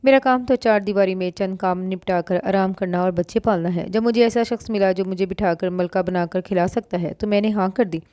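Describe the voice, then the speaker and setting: A woman's voice: mid-range voice, fairly even intonation, fairly quick, hardly any pauses, warm tone, no room sound, clean studio sound, lightly acted. A woman voicing a frank, self-assured young woman who speaks her mind plainly, in a read-aloud novel. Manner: frank, matter-of-fact.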